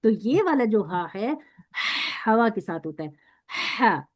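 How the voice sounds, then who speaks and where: A woman's voice: medium pitch, big pitch swings, takes it slowly. Patient woman teacher drilling syllables. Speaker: Quran recitation teacher. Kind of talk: classroom instruction. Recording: dull lo-fi recording.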